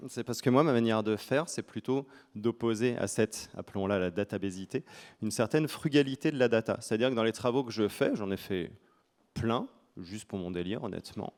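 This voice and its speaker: A man's voice: fairly low pitch, fairly quick, a little mellow. A man with a French accent giving an informal conference presentation in a colloquial, joking, self-deprecating manner. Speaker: conference speaker.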